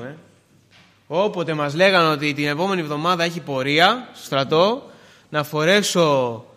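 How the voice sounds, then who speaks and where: Man around forty, sermon, hushed then loud emphatic delivery, repeated phrases, fairly high voice, long hall reverb. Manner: swings between hushed words and loud emphatic pleas, repeats phrases, many filler "eh"s. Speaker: preacher.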